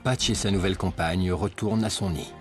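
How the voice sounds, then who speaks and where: A man delivering scripted nature documentary narration in a measured, dramatic storytelling manner. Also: low-pitched, steady tone. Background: prominent music.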